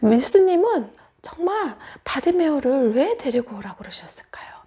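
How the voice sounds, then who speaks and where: A woman children's pastor giving a Sunday school sermon, telling a story and asking the children questions, often dropping into hushed whispers. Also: high-pitched, very animated, moderate pace.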